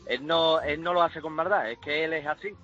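A man's voice: fairly high pitch, fairly quick, pushed and bright, muffled recording, faint music behind. A man calling a radio show, often repeating his words three times. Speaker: caller. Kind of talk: answering a host on a call-in show.

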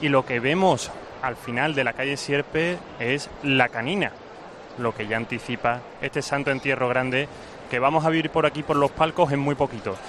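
A man's voice: medium pitch, steady tone, normal speed. A man reports live from outdoor spectator stands in a chatty, agreeable way. Plenty of street noise surrounds his voice. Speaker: field reporter. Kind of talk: live event commentary.

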